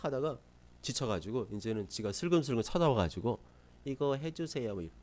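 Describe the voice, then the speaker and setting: A male pastor preaching a sermon from South Korea, lively, acting out scolding parents in quick asides. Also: lowish voice. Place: church sanctuary.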